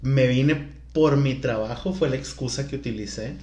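A man's voice: medium pitch, moderate pace, dark tone. Chatty man, echoey room. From Culiacán, Mexico. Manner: chatty, explanatory, laughs easily. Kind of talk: casual chat.

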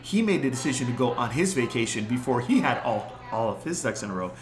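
A middle-aged man and clinic co-owner telling stories in casual conversation, animated and repeating words for emphasis. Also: medium pitch, fast, over music. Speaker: clinic co-owner, podcast guest. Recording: echoey room.

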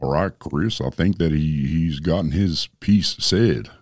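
Faceless network boss w/ a disguised super deep voice, calm, dry close sound. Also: male voice, a little slow, no room sound. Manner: calm, steady, mediating. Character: anonymous male network boss, calm and in charge. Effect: disguised voice, pitched very deep. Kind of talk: comedy sketch.

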